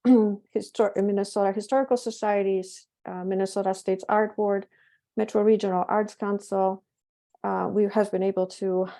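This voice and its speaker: A middle-aged woman from Poland with a Polish accent, giving a public lecture in a halting way with frequent self-corrections. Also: mid-range voice, mellow. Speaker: presenter, physician and project curator.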